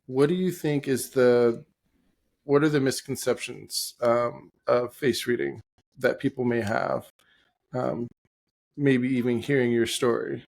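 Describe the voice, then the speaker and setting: A man hosting a podcast, thanking his guest and asking questions in a gentle, soft-spoken way. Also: mid-range voice, steady tone, measured pace, vocal fry. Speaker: podcast host. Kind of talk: casual interview.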